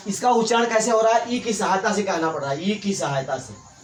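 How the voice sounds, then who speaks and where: A man's voice: high voice, animated, a little fast. A man teaching English grammar to a class, repeating points and quizzing his students. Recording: echoey room, faint hiss.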